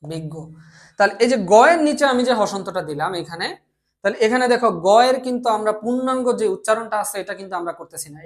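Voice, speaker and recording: A young man from Bangladesh teaching a language lesson, explaining step by step, often repeating himself and answering his own questions. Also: high-pitched. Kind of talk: classroom lecture.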